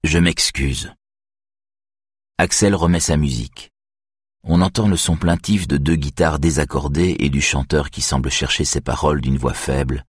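A man calmly narrating an audiobook in an even reading voice. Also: rumbling low, moderate pace, slightly rough, no room sound, clean studio sound. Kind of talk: scripted narration.

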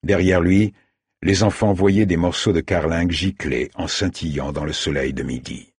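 A man narrating an audiobook chapter in a measured, storytelling manner. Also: low voice, steady tone, darkish tone, slightly rough, no echo, clean studio sound. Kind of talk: scripted narration.

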